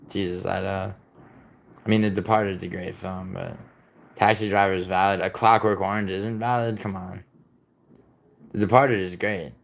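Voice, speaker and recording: A livestreamer born in Italy and raised in New York answers viewers' messages as they come in, rambling and swearing freely while restarting sentences with "like" and "I mean." His very deep, low voice has vocal fry and a level tone, moves at a moderate pace, and pauses often.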